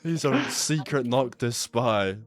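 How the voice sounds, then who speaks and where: A man acting as dungeon master, chatting casually with his players before the session, laid-back and quick to laugh. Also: medium pitch, faint music behind. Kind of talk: casual chat before a tabletop game. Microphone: headset.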